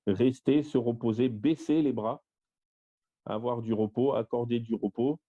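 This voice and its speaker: A man with a medium-pitched, mellow voice leads an online Bible study over a shared screen. He goes through word meanings one at a time, slowly and step by step, with plenty of fillers. He's on a voice-call microphone, and the audio is dull and lo-fi.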